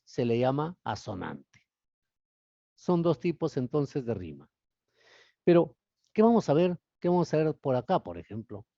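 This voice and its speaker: A male literature teacher giving a classroom lecture, explaining step by step and putting rhetorical questions to his class, his voice often trailing off softly at the ends of phrases. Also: medium pitch, gravelly, no echo, lo-fi sound.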